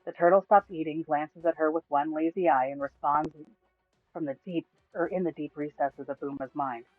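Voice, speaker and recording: A man narrating a tabletop game session as dungeon master, in steady storybook style. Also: a little high, normal speed, dry recording. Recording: tinny, phone-like, dry, faint music.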